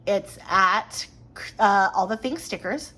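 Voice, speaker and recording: This planner vlogger, a woman in her thirties, talks to camera at home as she plans, chatty and full of fillers, her throat slightly froggy. She speaks slowly in a mid-range voice with a sharp tone.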